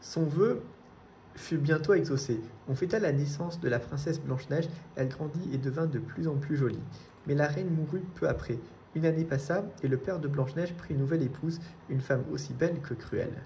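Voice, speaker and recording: A man reading children's storybooks aloud in a steady storytelling way. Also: on the high side, a little fast, creaky, slight background noise. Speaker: reader.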